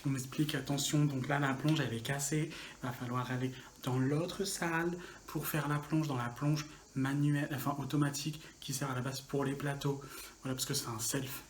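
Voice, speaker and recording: A man casually telling a personal story for his channel, lively and full of slang and fillers. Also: mid-range voice, moderate pace, slight background noise. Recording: echoey room with faint ambience.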